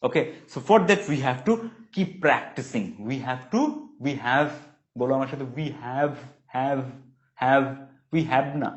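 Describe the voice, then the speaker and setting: A man with a Bengali accent giving a spoken English lesson, drilling English phrases slowly and explaining them quickly. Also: medium pitch. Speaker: English tutor. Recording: dull lo-fi sound.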